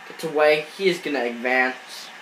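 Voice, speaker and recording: Over baseball gameplay footage, a sick gaming channel host sniffles and meanders through casual commentary, tripping over fillers and restarts. His fairly high-pitched voice keeps a moderate pace, recorded off-screen in an echoey room with faint background noise.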